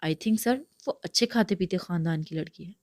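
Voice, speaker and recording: A woman's voice: fairly low pitch, a little mellow, no echo, studio quality, lightly acted. A woman reading aloud, voicing a dutiful young male assistant who reports to his boss. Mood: reporting.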